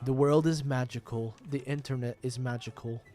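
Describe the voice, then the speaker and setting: A man's voice: mid-range voice, steady tone, normal speed, mellow, faint music behind. A man livestreaming a game, chatting casually in an informal, sweary, bantering way. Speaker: livestream host, gamer. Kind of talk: casual livestream chat while gaming.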